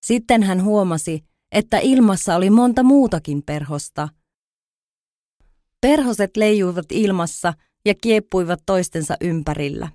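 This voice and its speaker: A woman reads an easy-read children's story aloud, slow, clear and even. Her voice sits on the low side and the recording is dry and close. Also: no room sound. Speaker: audiobook reader.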